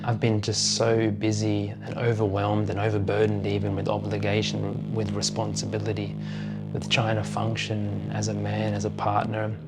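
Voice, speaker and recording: Man, forties, low gravelly voice, reflective vlog monologue over clear background music. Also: completely flat delivery. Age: 40s. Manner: slow, thoughtful, pausing often. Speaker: vlogger.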